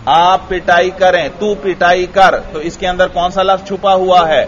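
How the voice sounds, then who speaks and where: A man's voice: high-pitched, steady tone, normal speed, muffled recording. A man from Pakistan with a Pakistani Urdu accent, teaching a classroom grammar lecture and asking his students questions, then repeating their answers.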